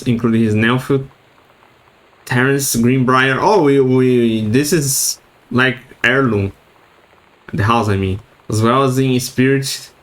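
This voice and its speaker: A male streamer chats casually while playing through a game. He reads notes aloud haltingly and trips over unfamiliar words. His voice sits at an ordinary middle pitch. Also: rough recording. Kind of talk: casual let's-play commentary.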